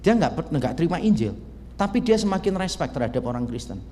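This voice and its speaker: Casual-talking pastor in echoing church. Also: male voice, on the high side, sing-song, quick pace, dark tone. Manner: conversational storytelling, acts out dialogue. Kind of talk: sermon. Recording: church hall reverb.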